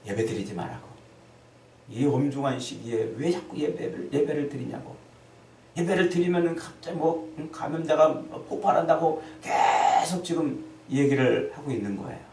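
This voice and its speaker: A middle-aged man preaching a lively Sunday sermon, often acting out the voices of the people he quotes. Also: on the high side, moderate pace, vocal fry, a little hiss or hum. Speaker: pastor. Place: church sanctuary. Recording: echoey church hall, distant mic.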